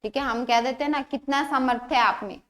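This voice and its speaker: A woman with a high, bright voice teaches an exam-prep grammar lesson. She explains patiently, says each word several times and asks the listener rhetorical questions as she goes. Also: fast talker.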